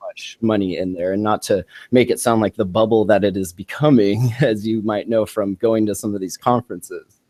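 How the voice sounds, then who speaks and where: A man's voice: lowish voice, steady tone, normal speed, darkish tone, dry recording. A man hosting a podcast in a loose, rambling, laid-back casual chat. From Montana. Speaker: podcast host.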